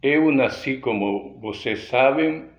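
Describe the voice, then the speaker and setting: A man from Peru, a pastor with a Peruvian Spanish accent and Spanish as his first language, giving a deliberate, unhurried sermon. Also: mid-range voice, lo-fi sound. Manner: unhurried, deliberate teaching delivery with frequent pauses.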